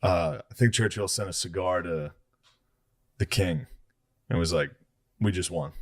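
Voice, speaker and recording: A man's voice: low voice, big pitch swings, measured pace, creaky. A man co-hosting a podcast, chiming in with short, casual, profane remarks. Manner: brief agreeing interjections, swears casually. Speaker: podcast co-host. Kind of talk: casual chat.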